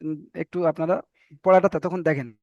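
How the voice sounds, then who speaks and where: Drilling Arabic letters and vowel marks repeatedly, a man with a rather high voice leads an online Quran reading class at a quick pace. He remains patient and even throughout. There's no room sound, and the dry, muffled quality resembles a lo-fi call.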